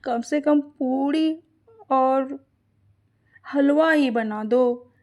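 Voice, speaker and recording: A woman's voice: high voice, very slow, darkish tone. A woman voicing a fussy young boy who whines about his food in a cartoon story. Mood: whiny. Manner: whiny.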